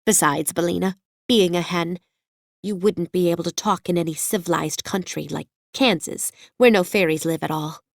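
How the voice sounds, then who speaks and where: A woman voices a chatty, plucky little storybook girl for an audiobook, her pitch fairly low and her pace normal, with some vocal fry. She sounds earnest and sure of herself, using folksy, childlike phrasing. The recording is close and dry.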